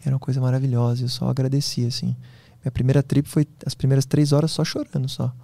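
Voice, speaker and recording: Fast-talking man with a gravelly voice. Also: medium pitch, dry recording. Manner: fast, animated storytelling. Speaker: podcast guest. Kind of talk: casual interview storytelling.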